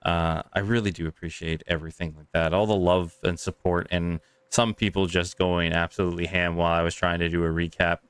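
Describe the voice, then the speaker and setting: A man's voice: deep voice, little pitch movement, fairly quick, few pauses, smooth, no echo. A man acting as game master, wrapping up a live tabletop game stream and thanking viewers in a rambling, grateful way with many restarts.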